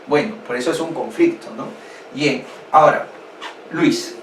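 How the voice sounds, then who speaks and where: A man from Peru teaching a history lesson online, asking his students rhetorical questions in an animated way. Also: fairly high pitch, unhurried. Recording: echoey room, distant mic, faint noise.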